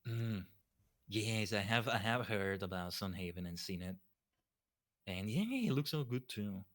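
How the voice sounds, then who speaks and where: A man's voice: lowish voice, lively intonation, measured pace, a bit bright. A man chatting casually as a guest on a livestream, rambling and often repeating his phrases. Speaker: guest streamer.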